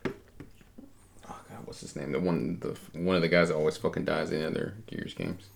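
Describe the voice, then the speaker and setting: A man's voice: a bass voice, fairly even intonation, normal speed, gravelly, a little hiss or hum. A man guest on a gaming podcast, blunt and casually swearing.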